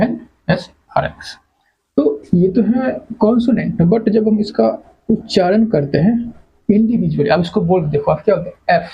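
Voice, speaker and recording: A man's voice: high voice, vocal fry, slightly rough, dull audio. A man teaching English grammar to exam students, repeating words and quizzing the class with questions. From India. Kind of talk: classroom lecture.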